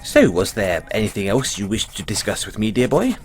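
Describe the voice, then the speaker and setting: In a one-sided audio roleplay, a man plays a refined male playwright, drawing out his words theatrically and dipping low on every "dear boy." His pitch swings hugely, the mood is affectionate, and soft music plays in the background.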